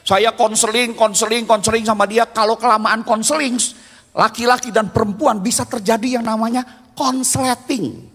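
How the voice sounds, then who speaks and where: A man in his fifties preaching a sermon as a pastor, telling stories with animated swings between loud and hushed. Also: extremely high pitch, moderate pace. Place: church. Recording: long reverb of a church hall.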